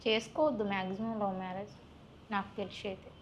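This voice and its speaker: A woman's voice: medium pitch, little pitch movement, fast talker, slight background noise. A young woman, recounting her personal story in a plaintive, heartfelt way as an interview guest. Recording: muffled recording.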